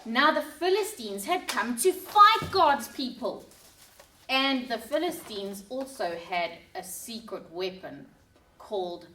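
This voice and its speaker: A woman reading a Bible story aloud to children, dramatic and expressive. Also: a little high, slow, a little hiss or hum. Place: church room. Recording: roomy sound from a distant mic.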